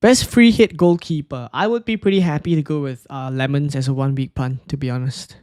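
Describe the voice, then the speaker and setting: A man's voice: medium pitch, brisk, smooth, no echo. Man, dry close voice. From Singapore. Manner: thinking aloud, relaxed and conversational, frequent fillers and restarts. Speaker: fantasy football streamer. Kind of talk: casual live-stream commentary answering chat questions.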